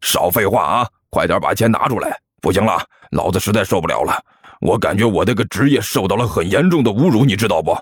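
A man's voice: deep voice, animated, fast talker, breathy edge, dry recording, pitched below the performer's own voice, heavily acted. A man voicing a bumbling male street robber who blusters and stammers in an audiobook story. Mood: blustering. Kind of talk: storytelling character voice.

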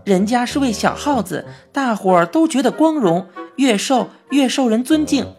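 女声扮演的变成耗子的直爽男孩. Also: female voice, on the high side, animated, a little mellow, soft background music, voice pushed up. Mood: warning. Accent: Beijing. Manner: indignant, chatty, rapid complaints. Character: boy turned into a mouse, frank and lively. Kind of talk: storybook narration.

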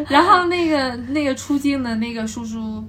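Young woman guest on a podcast, lively storytelling, kinda high voice, laughs a lot. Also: unhurried, slight background noise. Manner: lively, laughing, mimics others' speech. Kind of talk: casual storytelling.

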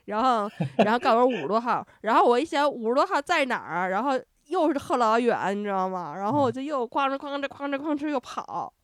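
一位女主播在闲聊中讲旅行经历，讲得绘声绘色，常常笑，还会模仿对话。. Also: female voice, a little high, a little fast, few pauses, no room sound, clean studio sound. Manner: animated, laughs often, acts out dialogue. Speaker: podcast host. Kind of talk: casual chat, storytelling.

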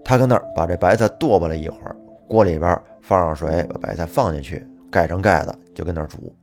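A man telling a folk tale in a lively, colloquial manner with plenty of fillers. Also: deep voice, fast. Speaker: storyteller. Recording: faint music behind.

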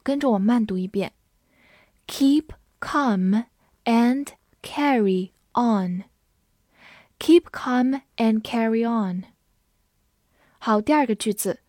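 A woman teaches English words at an unhurried pace, spelling them letter by letter and reading example sentences slowly. Her voice sits a little high. The recording is dry and close, with no room sound. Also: mellow, no room sound. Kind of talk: vocabulary lesson.

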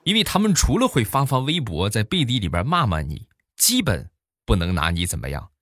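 A man with a fairly low voice tells comic anecdotes in a monologue, his pitch swinging widely as he punches the jokes. The sound is dry and close-miked with no room around it. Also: fairly quick, dry recording. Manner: animated, playful, exaggerated punchlines. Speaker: comedian.

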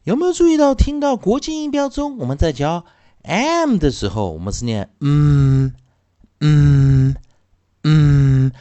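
A man teaching an English phonics lesson, slowly drawing out and repeating each sound for his students. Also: very high-pitched, wildly swooping pitch, darkish tone, dry recording, dull audio.

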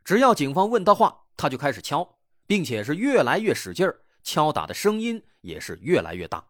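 Lively male true-crime storyteller. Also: on the high side, fairly quick, no echo, clean studio sound. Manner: lively, dramatic narration. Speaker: host.

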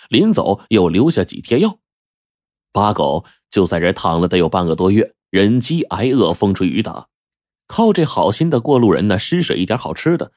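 A man telling a folk tale in a lively, dramatic storytelling manner, drawing out his phrase endings. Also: lowish voice, no room sound, studio quality.

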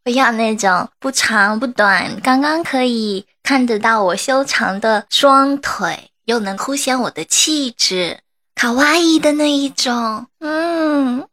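A woman's voice: fairly high pitch, takes it slowly, a bit bright. A woman acting a spoiled, babyish young woman who pouts and sobs dramatically in a comedy skit. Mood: pouty. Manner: babyish, pouting, sobbing dramatically.

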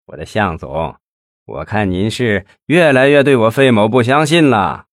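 A hearty, flattering middle-aged businessman who is always selling himself, as a male narrator plays him. He talks low and smooth, and the recording is dry and close with no room sound. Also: moderate pace, dry recording. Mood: persuasive. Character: scheming middle-aged male official-businessman, glib and boastful.

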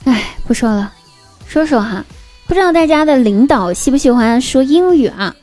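Young woman, very high cutesy voice, playful comic storytelling, exaggerated delivery, music underneath. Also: lively intonation, normal speed, darkish tone. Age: young adult. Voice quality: cutesy, girlish, squeaky-sweet voice. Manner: playful, exaggerated, acts out dialogue. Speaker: online streamer and host telling funny anecdotes.

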